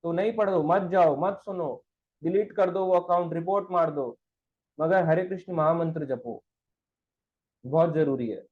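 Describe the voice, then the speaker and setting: Male devotional class teacher, higher register, preachy and emphatic, phone-quality audio. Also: a little slow, long pauses. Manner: preachy, emphatic, mixes English words into Hindi. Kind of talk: online devotional class with live Q&A. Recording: tinny phone-like line.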